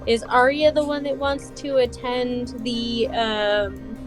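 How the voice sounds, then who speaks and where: A woman's voice: fairly high pitch, level tone, takes it slowly, over music. A woman playing a tabletop game, asking polite, earnest questions. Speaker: player.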